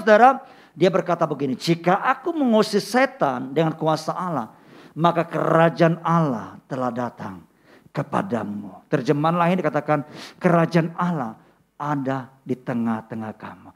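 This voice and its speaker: A man preaching a sermon in church, often calling out to the congregation, rising to loud peaks. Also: on the high side. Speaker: pastor.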